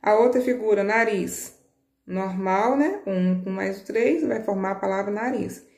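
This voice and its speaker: Woman, teacher, patient children's lesson, slow emphasized words, echoey room. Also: mid-range voice, darkish tone. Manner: patient, repeats "né?" and "tá?" checks; stretches key words slowly for emphasis.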